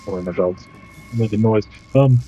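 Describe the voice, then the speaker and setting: Mellow male game master, slightly dull audio. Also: lowish voice, normal speed, slightly rough, faint music behind. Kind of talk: narrating a tabletop game, casual.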